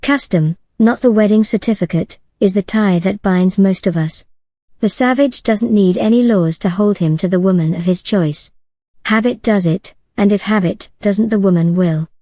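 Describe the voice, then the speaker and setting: A woman narrating an audiobook in an even, measured reading. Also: mid-range voice, no room sound. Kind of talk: scripted narration.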